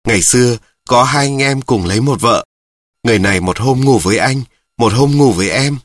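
A man's voice: medium pitch, brisk, no room sound, close to an everyday voice. A man reading a story, voicing a weary grown son who talks in a dry, mocking way. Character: weary, sardonic adult son.

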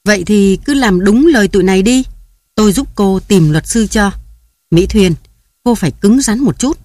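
A woman's voice: medium pitch, expressive, normal speed, a little mellow, no echo, clean studio sound, lightly acted. A woman reading the part of a scheming middle-aged man who presses a grieving wife to hand over her money. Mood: persuasive. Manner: persuasive, pressing.

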